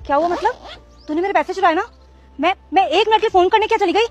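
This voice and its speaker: A woman playing an arrogant rich mother who talks down to people in a sharp, accusing, contemptuous way. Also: extremely high pitch, fast. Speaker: shopper. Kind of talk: amateur web drama acting.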